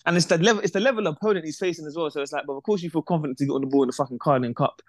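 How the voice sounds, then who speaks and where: A young man rattles through a casual football chat at speed, his voice sitting slightly high. He repeats himself and keeps tossing in "bruv" and "bro". The recording is dry and close, with no room sound. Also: racing, no room sound. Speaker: podcast co-host.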